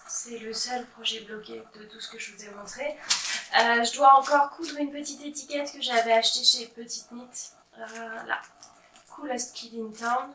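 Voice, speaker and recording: Woman in her thirties, casual knitting vlog chat, lots of fillers, fairly high voice, echoey room, a little far from the mic. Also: fairly even intonation, normal speed, background noise. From France. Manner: chatty, many "euh" fillers, self-mocking. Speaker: knitting vlogger. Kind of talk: casual show-and-tell chat.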